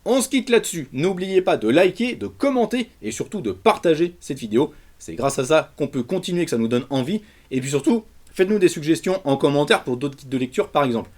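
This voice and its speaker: A man's voice: a little high, sing-song, fairly quick, few pauses, darkish tone. A man reviewing comics in a casual, colloquial and emphatic way, talking straight to his viewers as the channel's host. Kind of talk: casual enthusiastic video review.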